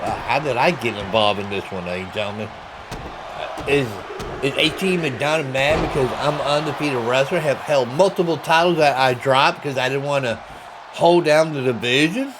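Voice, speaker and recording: Excitable man calling a wrestling match. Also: medium pitch, moderate pace. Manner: excitable, keeps repeating "ladies and gentlemen". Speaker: wrestling commentator. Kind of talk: play-by-play commentary. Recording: crowd noise and hiss behind.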